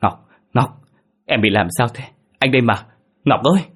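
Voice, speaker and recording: A man's voice: lowish voice, animated, fairly bright tone, breathy edge. A man doing an anxious, coaxing young husband. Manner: coaxing, hurried reassurance. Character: worried young husband, soothing his wife.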